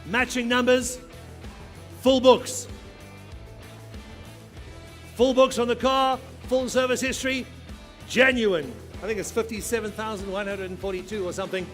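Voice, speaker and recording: A man's voice: very high-pitched, fairly bright tone. A man working as an auctioneer at a live sale, insistently urging bidders with repeated chanted bid calls.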